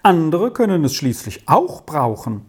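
Excitable village woman voiced by a reader, agitated, high and lively. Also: a little slow, breathy edge. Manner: agitated, pushy.

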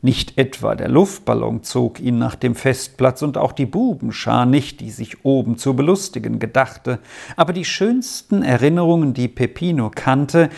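A reader narrating a storybook in a measured, steady way. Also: mid-range voice, gravelly. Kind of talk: storybook reading.

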